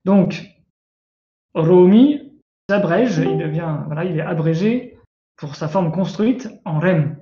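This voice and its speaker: A man with a high voice teaches grammar patiently, pausing and restarting his sentences as he explains. The recording sounds dull and lo-fi, with a roomy echo around him. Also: warm tone. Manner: patient, hesitant, many fillers and restarts. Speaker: Coptic language teacher.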